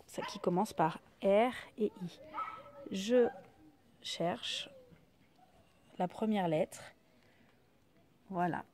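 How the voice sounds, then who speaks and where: A woman teaching a reading game, sounding out each letter slowly one by one in a step-by-step demonstration. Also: mid-range voice, noisy background.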